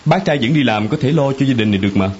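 An actor playing a devoted young man in a radio drama, talking earnestly and fast. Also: medium pitch, expressive, darkish tone, husky. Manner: earnest, rapid pleading. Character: devoted young man, anxious then relieved. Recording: dull lo-fi radio drama recording.

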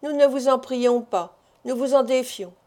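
A woman's voice: high voice, a little slow, darkish tone. A woman voicing a blunt, defiant male innkeeper in a storybook reading.

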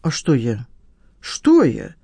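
Reader doing a whiny, defensive man in an audiobook, pitched up, lively swings. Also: normal speed, no room sound. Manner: aggrieved, defensive, whining. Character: whiny petty middle-aged man, self-pitying. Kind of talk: audiobook dialogue.

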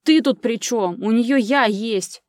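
A woman reading a furious man yelling back. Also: medium pitch, fairly quick, no echo, studio quality, close to an everyday voice. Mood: shouting. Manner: angry outbursts, raised and forceful. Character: hot-tempered man, shouting and defensive. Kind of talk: audiobook character reading.

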